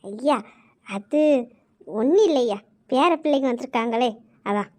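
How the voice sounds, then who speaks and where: A doting old grandmother, played by a woman, with a high, light voice. She is affectionate and shy, and she gently scolds the grandchildren in a web drama. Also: expressive, a little slow. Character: fond, teary old grandmother. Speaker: grandmother character.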